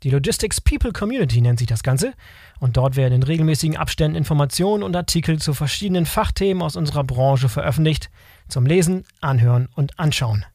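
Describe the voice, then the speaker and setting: A man hosts a podcast in a chatty, jokey way and laughs easily. His voice sits a little high. The sound is close and dry. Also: animated, fast, a little mellow, no echo. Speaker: podcast host. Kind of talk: podcast interview.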